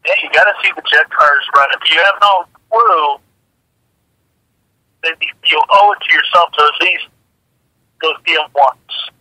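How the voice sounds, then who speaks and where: A woman's voice: sits low, normal speed, pauses often, pushed and bright, dry recording, poor audio. A woman who drives jet dragsters, chatting casually in an interview, repeating words and laughing easily.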